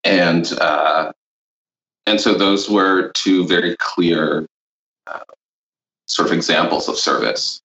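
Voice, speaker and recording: A man from Honduras, a podcast guest, speaking reflectively and haltingly with many fillers. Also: sits low, gravelly, pushed and bright, echoey room, highs cut off. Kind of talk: podcast interview.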